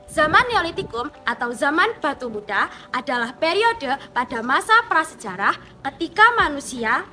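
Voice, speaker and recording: A woman student reading out a history explanation in a steady, read-aloud way. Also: sits high. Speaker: student presenter.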